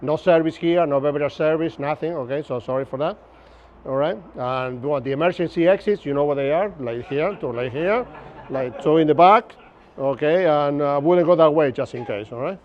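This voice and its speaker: Teaching a workshop in an open-sided pavilion outdoors, this Argentine instructor in his fifties speaks Spanish as his first language and has a Buenos Aires accent. He lectures in a chatty, joking way, often checking in with the audience. His voice is on the high side at a moderate pace, the highs are cut off, and there's a little hiss or hum.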